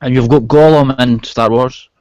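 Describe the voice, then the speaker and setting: A man's voice: medium pitch, steady tone, moderate pace, darkish tone, clean tone, no room sound. A man chatting casually about movies. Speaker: chat guest.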